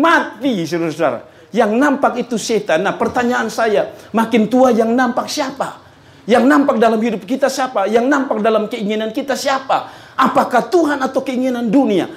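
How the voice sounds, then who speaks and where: A male pastor, preaching a lively sermon that jumps between loud bursts and quiet asides, often joking. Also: high voice.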